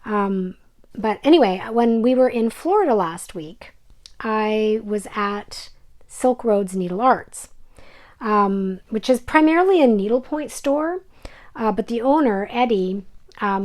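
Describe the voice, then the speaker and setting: A woman casually chatting through her cross-stitch projects at home, self-deprecating and full of fillers, sometimes dropping to a soft whisper. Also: mid-range voice. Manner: drops to soft whispers over her silks. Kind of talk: casual show-and-tell vlog.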